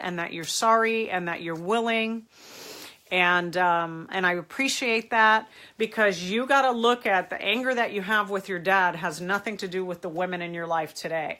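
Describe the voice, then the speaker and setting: Her voice stuffy from a cold, a middle-aged woman hosting a live stream answers viewer questions, reading comments aloud and giving earnest, emphatic advice. She speaks at a medium pitch with a bright, forceful tone.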